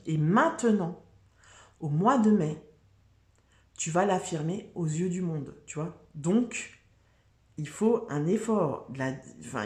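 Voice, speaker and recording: A woman's voice: fairly low pitch, mellow, roomy sound. A woman giving a casual, chatty tarot reading, full of fillers, restarts and "tu vois". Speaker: tarot reader.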